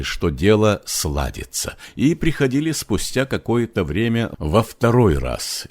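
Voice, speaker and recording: Чтец-мужчина, низкий тембр, неспешное размеренное чтение нон-фикшн. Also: male voice, fairly low pitch, darkish tone. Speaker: audiobook narrator. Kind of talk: reading aloud.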